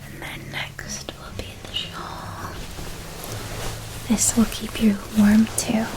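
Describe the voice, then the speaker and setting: In this ASMR roleplay, a woman voices a caring witch who helps a young student pack, whispering softly and breathily the whole way. She's unhurried and doting, dwelling on every little detail, with a gentle, intimate feel from beginning to end. Her whisper sits on the high side with flat delivery, over background music in a rough recording.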